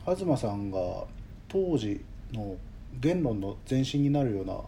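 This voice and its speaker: A man talking as a guest musician in an interview, thoughtful and measured, with frequent hedging fillers. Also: medium pitch, big pitch swings, dark tone, a little hiss or hum. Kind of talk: reflective conversational interview.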